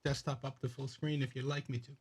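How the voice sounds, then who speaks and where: A man in his sixties hosting a casual livestream, relaxed and joking. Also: medium pitch, fast talker, husky. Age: 60s. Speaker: channel host.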